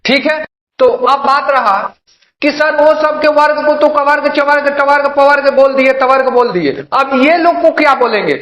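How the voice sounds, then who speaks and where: A man's voice: very high-pitched, moderate pace, fairly bright tone, echoey room, low-quality recording. A young male teacher, giving an online grammar lesson and repeatedly asking and answering his own questions. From Bihar, India. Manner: repetitive call-and-response questioning, addresses students as "babu".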